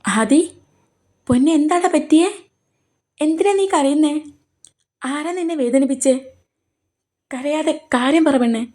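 Brief: woman doing a doting young hero boss, gentle coaxing, mellow voice. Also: a little high, normal speed, close to an everyday voice. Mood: tender. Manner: coaxing, tender. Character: tender young male boss, protective lover.

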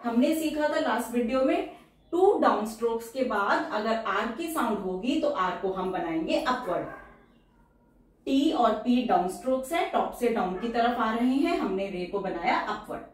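A woman teaching shorthand, explaining each outline step by step and repeating every word slowly and carefully. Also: on the high side, animated, distant mic. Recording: very echoey room, voice from off the mic.

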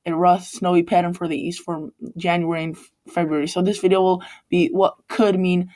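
Over screen-shared forecast maps, a weather channel host from Poland, working in Chicago, speaks in a high, slightly mellow voice with little pitch movement and a fairly quick pace. His casual talk rambles, and he keeps restarting and correcting himself.

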